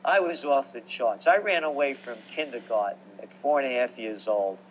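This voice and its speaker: A man, telling stories about his life as a guest in an animated, emphatic way. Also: mid-range voice, moderate pace, a little hiss or hum, low-quality recording. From New York. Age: 60s. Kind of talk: conversational storytelling.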